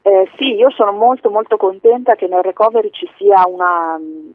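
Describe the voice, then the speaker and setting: A woman speaks over a thin, tinny phone line with no room around her voice. She answers interview questions as a politician guest, measured and steady, often pausing on hesitations and filler phrases. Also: mid-range voice, dry recording. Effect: heard over a phone line.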